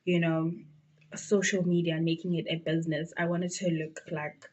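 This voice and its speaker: The audio is dull as this South African woman in her twenties, a beauty vlogger, casually chats to viewers so they can get to know her, leaning on fillers. Her lowish, slightly mellow voice stays flat and moves at a normal speed.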